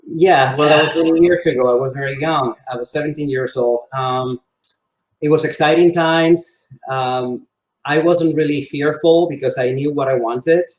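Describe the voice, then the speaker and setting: The recording is roomy and echoing, carrying a man's fairly high, steady voice at normal speed. As an interview guest, this real estate salesman from Venezuela and Spain, whose first language is Spanish, replies conversationally.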